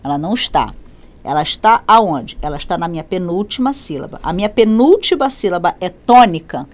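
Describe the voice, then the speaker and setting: A woman's voice: fairly low pitch, brisk. A woman teaching a Spanish lesson in Portuguese, who poses questions, answers them herself and corrects her slips as she goes. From Brazil. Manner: lively, repeats and self-corrects, asks and answers her own questions. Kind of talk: classroom lesson explaining grammar.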